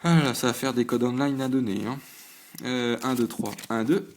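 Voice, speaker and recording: A man's voice: medium pitch, steady tone, normal speed, a little hiss or hum. A man hosting his own channel, talking casually to camera at a desk at home, listing items one after another with short reactions, often stumbling and restarting with fillers. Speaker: channel host opening trading card packs. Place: at home at a desk under a lamp.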